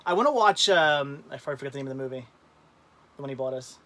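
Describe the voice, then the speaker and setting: A man's voice: medium pitch, lively intonation, quick pace, pushed and bright. A man in his thirties co-hosting a casual livestream chat, rambling with frequent laughs and restarts. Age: 30s. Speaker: livestream co-host.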